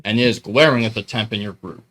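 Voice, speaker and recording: A young man narrating a tabletop role-playing game as game master, with lively, drawn-out dramatic narration. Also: lowish voice.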